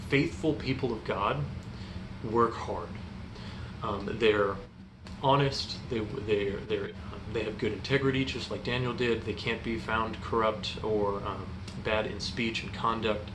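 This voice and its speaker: Young adult man, informal youth sermon, earnest, halting delivery, roomy echo, noisy background. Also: on the low side, fairly even intonation. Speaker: youth group speaker. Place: indoor room in front of a stone fireplace. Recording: echoey room, clear background noise.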